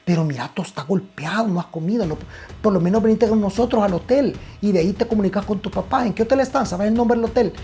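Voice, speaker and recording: A man's voice: high voice, quick pace, mellow, a little hiss or hum. A man voicing a pushy, meddling middle-aged woman who keeps pressing with concerned questions. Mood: insistent. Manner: insistent, questioning.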